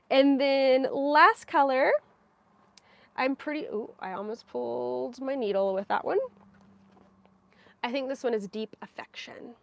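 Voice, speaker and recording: Chatty, giggly woman with a higher voice. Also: creaky, dry recording. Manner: chatty and giggly, with frequent fillers. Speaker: knitting podcast host. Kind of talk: casual live-stream chat.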